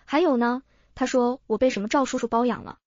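A soft, tearful teenage girl, clingy and pouting, as a woman narrator puts her on. A fairly high voice, heard dry in a dull lo-fi storybook recording. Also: fairly quick, no room sound, natural voice.

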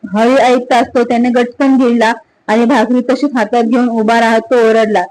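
A woman's voice: on the high side, level tone, moderate pace, darkish tone, a little hiss or hum, low-quality recording. A woman storyteller narrating a village folk tale expressively.

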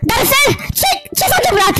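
A woman's voice: very high voice, pitched above the performer's own voice. A woman doing a flustered scolding mother. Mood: confused. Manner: excited, stammering, repeated questions. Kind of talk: Roblox role-play.

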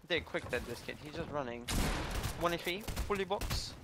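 A man in team voice chat during a match, giving rapid, excited callouts over game gunfire. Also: fairly high pitch. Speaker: gamer. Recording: game gunfire and engine noise.

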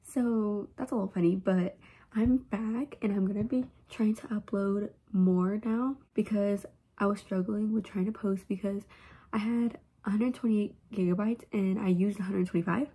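In a medium-pitched voice that is mellow and husky, a teenage girl speaks at a moderate pace with fairly even intonation. She is a makeup vlogger rambling casually through a vanity tour in her bedroom, full of fillers and battling a stuffy, runny nose, all recorded on a phone camera.

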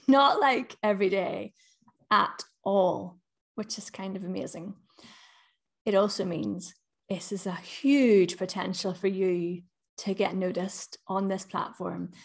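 Northern Irish woman, middle-aged, chatty webinar coach, medium pitch, upbeat. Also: gravelly. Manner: chatty, upbeat, lively emphasis. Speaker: business coach. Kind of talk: webinar presentation.

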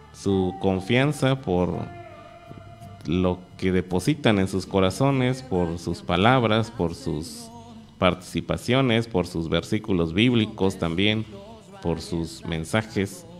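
Hombre predicando con voz grave y música tenue. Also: male voice, low voice, gravelly. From Mexico. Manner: earnest, measured preaching with repeated thanks. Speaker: pastor. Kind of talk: sermon.

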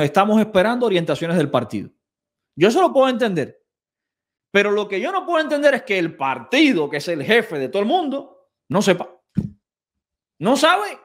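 A man commenting on played clips, sarcastic and indignant, mockingly repeating quoted phrases. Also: high voice. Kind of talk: video commentary.

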